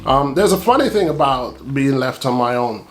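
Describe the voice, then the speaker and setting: A middle-aged man from Jamaica, an author, talking casually and reflectively with frequent pauses and ums. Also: mid-range voice, lively intonation. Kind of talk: casual talk to camera. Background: soft guitar music.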